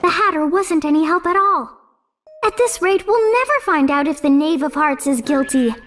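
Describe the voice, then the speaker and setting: A woman voicing a curious, polite young girl in a storybook, speaking in a bright, eager way. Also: high voice, animated, normal speed, soft background music, voice pushed up. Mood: thoughtful.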